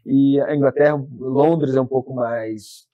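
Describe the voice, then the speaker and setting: A man with a southern Brazilian accent, a podcast guest telling stories in a talkative, animated way. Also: mid-range voice, a little slow, no room sound, narrow, tinny audio. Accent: southern Brazilian Portuguese. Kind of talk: casual interview chat.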